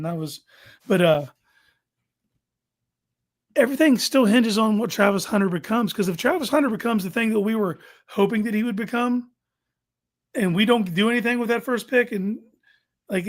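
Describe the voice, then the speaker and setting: A man's voice: high voice, normal speed, long pauses. A man hosting a casual sports talk show, making his points informally and emphatically, repeating them for stress.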